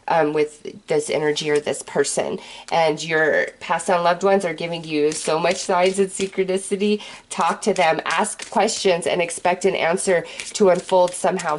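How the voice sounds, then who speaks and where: A woman's voice: low voice, fairly even intonation, normal speed, slight background noise. A woman giving a casual, mystical horoscope reading as a tarot host, talking directly and reassuringly to the listener in a conversational way.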